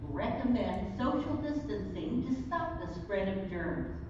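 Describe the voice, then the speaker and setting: Woman's airport loudspeaker announcement, echoing far off. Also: mid-range voice, expressive, unhurried. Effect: airport public address loudspeaker announcement. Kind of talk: recorded public announcement. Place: large indoor airport terminal. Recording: distant echoey loudspeaker in a large hall, dull and noisy.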